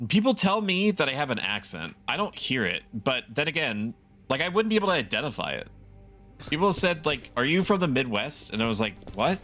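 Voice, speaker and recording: This VTuber's mid-range voice has a sharp tone. He rambles and laughs freely while live-streaming a game, with the game's music audible beneath him.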